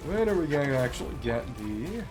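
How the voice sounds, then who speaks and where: This video game streamer, a man, offers understated, wry, thinking-aloud commentary on his live gameplay while game music plays. His voice is a little high, very animated, and brisk.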